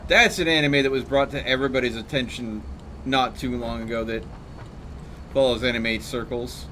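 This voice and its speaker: A man with a bright, forceful, mid-range voice speaks at a moderate pace in a steady tone, over slight background noise. He chats casually while streaming a game, thinking aloud and explaining numbers as he plays.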